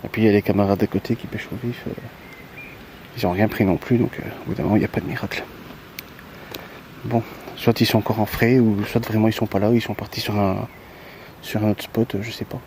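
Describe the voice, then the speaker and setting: A man's voice: on the low side, flat delivery, fairly quick, a little mellow, a little hiss or hum, low-quality recording. A man talking casually outdoors by the water after a fishing trip, rambling with many hesitations and a resigned tone. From Belgium. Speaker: fishing vlogger.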